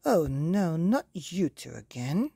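A woman's voice: sits low, very animated, measured pace, vocal fry, dark tone, slightly rough, no echo, heavily acted. A woman voicing a vain, easily flustered fairy godmother in a storybook, prim and chattering. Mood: exasperated. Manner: prim, chattering, self-absorbed.

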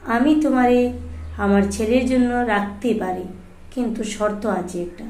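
A woman's voice: a little high, measured pace, a little mellow, close to an everyday voice. A woman voicing a harsh, domineering older mother-in-law who talks in a rural Bangladeshi dialect in a storybook reading. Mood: falsely pious. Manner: scolding, blunt, threatening. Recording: roomy echoing room.

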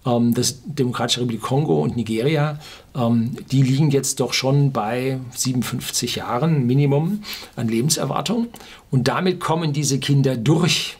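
This man in his sixties, a Ruhr-area video blogger, speaks to camera from a small furnished indoor room with a husky, mid-range voice. He explains his views informally and emphatically, posing rhetorical questions along the way.

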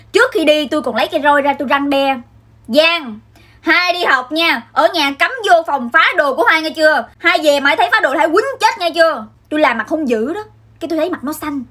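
A young woman, telling a comic childhood story in an animated, dramatic way. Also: high voice. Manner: animated and dramatic, acts out scenes. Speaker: vlogger.

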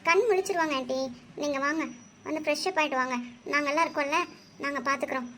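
A woman's voice: high-pitched, fast, fairly bright tone, slight background noise. A woman voicing an earnest young woman who persuades a grieving mother to rest, in a cartoon dub.

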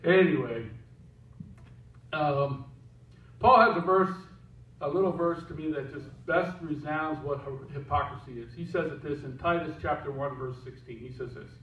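A man with a high voice preaches a casual, joking sermon. He is heard from across an echoing church sanctuary, and the sound is a little dull. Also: normal speed, far from the mic. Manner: casual, joking, with asides to the slide operator. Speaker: pastor.

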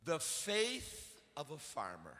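Middle-aged preacher from the States, animated, swooping pitch, handheld mic in a big church hall. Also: male voice, slow pace. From United States. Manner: animated storytelling, short punchy phrases. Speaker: guest preacher. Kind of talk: sermon with live interpreter. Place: large church auditorium with choir behind. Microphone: handheld microphone. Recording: long hall reverb.

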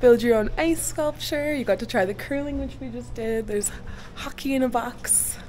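A woman's voice: a little high, moderate pace, a little mellow. A young woman filming herself at arm's length as she walks, chatting upbeat and casually about the sights. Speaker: travel vlogger. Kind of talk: casual travel vlog. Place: outdoors and indoors at a historic site, walking. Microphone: handheld camera at arm's length.

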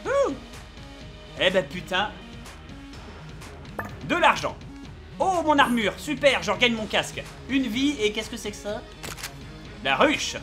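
A man giving live gameplay commentary as a let's play host, excitable, yelping and swearing at the action, with game music behind him. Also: high-pitched, measured pace, pauses often.

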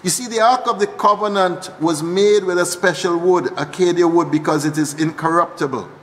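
Trinidadian male preacher, slightly high voice, teaching sermon that repeats key lines, long church reverb. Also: moderate pace. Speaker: archbishop preaching.

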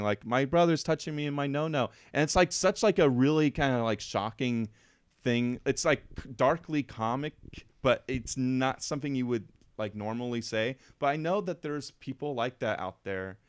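A man's voice: mid-range voice, normal speed, smooth, no room sound, studio quality. A man co-hosting a podcast, chatting casually and emotionally about a film, with lots of fillers. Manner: rambling, emotional, filler-heavy. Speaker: podcast co-host. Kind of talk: casual film review chat.

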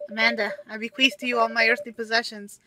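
A woman's voice: on the high side, flat delivery, quick pace, bright, forceful tone. A woman doing a melodramatic lazy dad. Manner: melodramatic, mock-dying. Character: lazy dramatic middle-aged dad.

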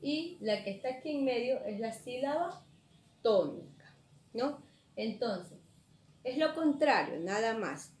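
A woman teacher giving a slow, patient classroom lesson and checking in with her students through frequent questions. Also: fairly high pitch, sing-song, a little mellow. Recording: echoey room, faint ambience.

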